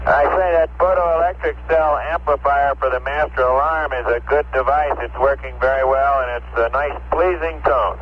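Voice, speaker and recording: Calm man over a muffled radio link. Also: mid-range voice, normal speed, few pauses. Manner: calm, clipped radio procedure with dry humor. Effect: voice heard over a radio link. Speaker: astronaut in a spacecraft. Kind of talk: space-to-ground radio exchange. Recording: muffled lo-fi radio with faint hiss.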